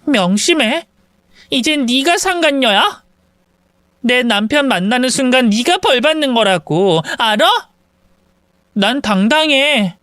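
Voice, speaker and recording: A woman narrator voicing a spiteful young woman, a mistress, who talks in a sharp, scornful and accusing way. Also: high voice, big pitch swings, a little slow, pauses often, dry recording, studio quality, voice pushed up, full character voice.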